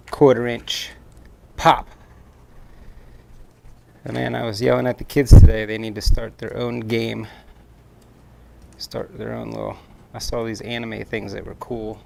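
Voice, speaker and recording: Creaky and medium-pitched with a darkish tone, this man's voice comes through a camera mic as he co-hosts a live workshop craft stream. He's in his thirties and keeps up casual, teasing banter while crafting.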